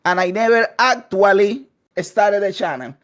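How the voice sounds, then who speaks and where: Venezuelan guy with a spanish accent, slightly high voice, rambling candidly with lots of "eh". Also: lively intonation, measured pace, fairly bright tone. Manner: candid, long-winded, frequent "eh" fillers. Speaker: podcast guest, content creator. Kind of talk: casual interview storytelling. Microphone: voice call over Discord.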